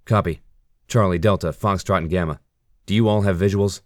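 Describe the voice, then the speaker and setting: A man's voice: deep voice, steady tone, a little fast, no echo, studio quality, close to an everyday voice. Man doing a special-forces team leader, clipped orders, urgent, a bit raised, audiobook.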